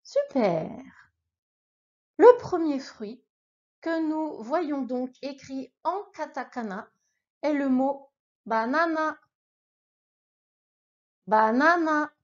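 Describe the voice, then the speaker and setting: Woman, patient encouraging teacher, high voice, unhurried drills, muffled recording. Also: sing-song, dark tone. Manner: patient, encouraging, addresses the listener informally. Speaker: Japanese language teacher. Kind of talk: beginner language lesson with repeat-after-me drills.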